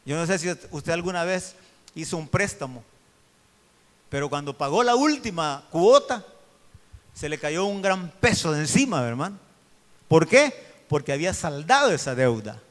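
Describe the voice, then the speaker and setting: A man preaching an evangelical sermon in a church hall, with a fairly high voice. His sound rings with long reverb around the room. He alternates slow, drawn-out shouted phrases with rapid asides to the congregation. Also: lively intonation. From El Salvador.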